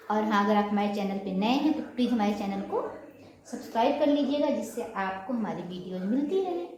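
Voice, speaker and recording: A young woman vlogging at home, chatting quickly and casually while she cooks. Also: mid-range voice, warm tone. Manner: fast, chatty talker. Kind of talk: casual cooking vlog chat. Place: home kitchen with a fan running. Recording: very echoey room.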